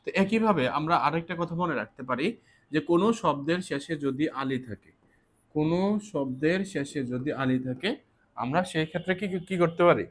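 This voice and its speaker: A man teaching a spelling lesson for exam students. He asks questions and answers them himself, and he repeats the key words slowly. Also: on the high side.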